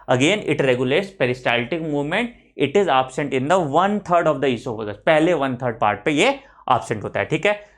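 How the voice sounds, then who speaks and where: A man with an Indian accent giving an online biology lecture for exam preparation, switching between Hindi and English terms and often checking in with his students. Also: fairly high pitch. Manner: mixes Hindi with English terms, repeats key phrases, frequent "ठीक है" check-ins; slows right down to spell out technical terms. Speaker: biology teacher.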